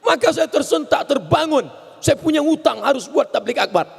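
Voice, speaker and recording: A man in his forties preaching a lively, humorous sermon, acting out quotes in the story and shouting at its peaks. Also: very high-pitched, moderate pace, gravelly. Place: large hall. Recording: hall reverb.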